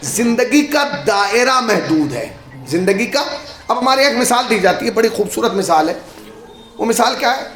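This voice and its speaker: A man from India preaching a memorial sermon in a mosque, telling stories dramatically, asking rhetorical questions and rising to emphatic shouts. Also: high-pitched, sing-song, faint music behind. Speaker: maulana preaching at a memorial majlis. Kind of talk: Urdu majlis sermon. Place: mosque hall. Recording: echoey mosque hall.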